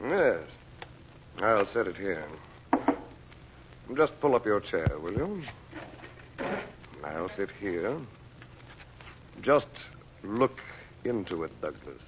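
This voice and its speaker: Commanding magician, deep, muffled old radio. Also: male voice, sing-song, background noise. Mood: calm, insistent. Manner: slow, imperious, incantatory commands. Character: commanding, relentless magician and hypnotic crystal gazer. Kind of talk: old-time radio serial acting.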